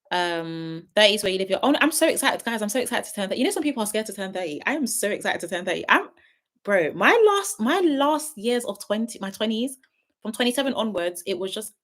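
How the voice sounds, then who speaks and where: Woman, late twenties, livestream host, casual and frank with viewers. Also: medium pitch. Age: 20s. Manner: chatty, gives frank big-sister advice to viewers. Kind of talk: casual livestream chat reading viewer comments.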